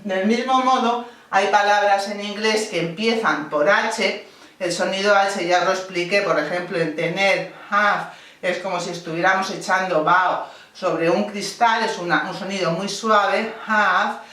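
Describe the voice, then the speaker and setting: A woman's voice: medium pitch, steady tone, normal speed, fairly bright tone. A woman teaching a grammar lesson, explaining patiently step by step and correcting herself as she goes. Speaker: English teacher. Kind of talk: classroom-style grammar lesson. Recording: very echoey room, voice from a distance off the mic.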